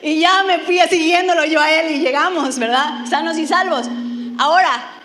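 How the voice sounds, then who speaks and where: A woman's voice: sits high, normal speed, background noise. A middle-aged woman telling a funny story in a sermon, self-mocking and acting out her own lines. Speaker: preacher.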